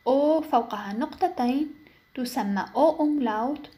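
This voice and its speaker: A woman's voice: high voice, moderate pace, warm tone. A woman teaching a language lesson, spelling out letters and repeating each example word with its meaning. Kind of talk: slow explanatory lesson.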